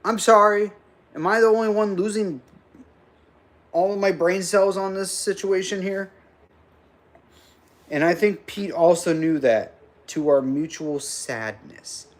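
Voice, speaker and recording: A fairly high-pitched man who talks slowly and without hurry. He reacts to news with heavy sarcasm, frequent laughter and free swearing, as a livestream host. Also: fairly even intonation. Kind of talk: political reaction commentary.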